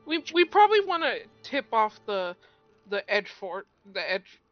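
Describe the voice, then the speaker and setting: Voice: mid-range voice, big pitch swings, measured pace. A tabletop player speaking casually and hesitantly, often restarting. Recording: dull lo-fi voice chat with faint music.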